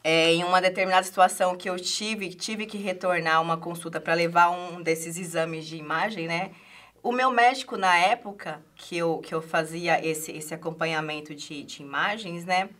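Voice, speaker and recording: A woman as a podcast guest, telling a personal story in a casual, expressive way and often tagging her sentences with a questioning 'right?'. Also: fairly low pitch.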